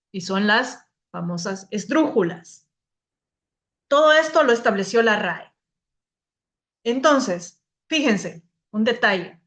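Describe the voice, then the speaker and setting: A woman's voice: a little high, a bit bright. A young woman teaching a spoken grammar lesson to a class, explaining patiently, often restarting her words.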